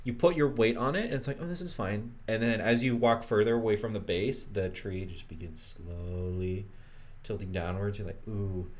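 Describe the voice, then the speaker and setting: A man narrating as game master of a tabletop game, descriptive and quick to laugh, with many fillers. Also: on the low side.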